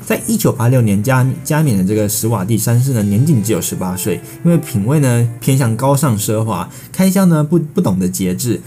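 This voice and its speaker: A man's voice: fairly low pitch, warm tone. A man with a Taiwanese Mandarin accent presenting breaking news, wordy, often restarting words as he goes. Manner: wordy, repeats filler phrases and restarts words mid-sentence. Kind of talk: breaking news reading, semi-scripted with ad-libbed bridging.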